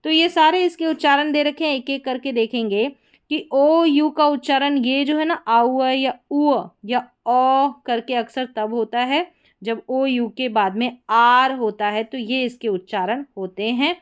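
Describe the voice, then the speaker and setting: Woman, pronunciation teacher, fairly high voice, smooth and clear, drawn-out example words, dull lo-fi recording. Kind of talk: explaining and reading example words aloud. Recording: dull, lo-fi sound.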